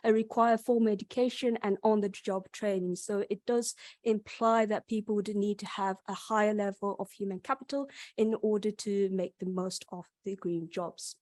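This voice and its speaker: A young woman with a Yorkshire accent, a PhD student, gives an academic conference presentation, hesitating often with frequent ums and restarts. Her voice is medium in pitch with a darkish tone, captured as a dry, clean studio recording.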